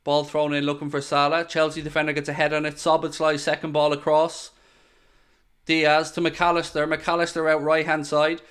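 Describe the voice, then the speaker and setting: Hosting a live football watchalong stream, a man calls out every pass and trades jokes with the chat, speaking directly to his viewers. His smooth, clear voice sits slightly high for a man, and he sounds excitable while keeping a normal speed.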